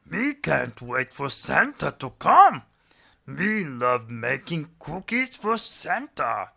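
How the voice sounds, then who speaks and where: A blunt, greedy storybook monster, played by a woman, gravelly and forceful. He swoops wildly in pitch and drags out his broken-grammar sentences. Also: sing-song, slow, heavily acted. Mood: excited. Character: greedy cookie-loving male monster, blunt and excitable.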